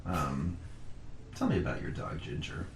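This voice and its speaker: A man interviewing a family member in a casual conversation, reminiscing and gently prompting with questions. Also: deep voice, huge pitch swings, unhurried. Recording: roomy recording with faint noise.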